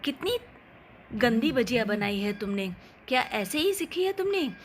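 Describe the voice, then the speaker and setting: A woman voicing a scolding, grumpy older mother-in-law in a storybook tale, nagging and sharp-tongued. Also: on the high side, moderate pace, a little hiss or hum, lightly acted. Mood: grumbling.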